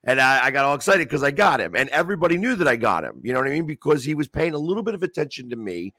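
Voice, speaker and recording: A man's voice: mid-range voice, very animated, racing, bright, forceful tone, dry recording. A talkative man in casual chat as a sports-fan guest, rambling with many restarts.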